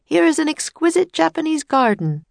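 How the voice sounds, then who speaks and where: A grand, sing-song tour guide calling out the sights from a megaphone, as a woman reads him. The voice rides high and loud, with a gravelly edge. It sounds dry and close. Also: big pitch swings, normal speed, dry recording, full character voice. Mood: announcing.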